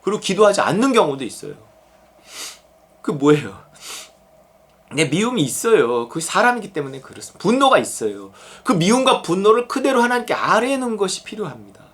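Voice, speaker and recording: Lively high-voiced male pastor. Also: brisk, husky. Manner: animated, conversational preaching with acted-out quotes. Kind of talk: sermon.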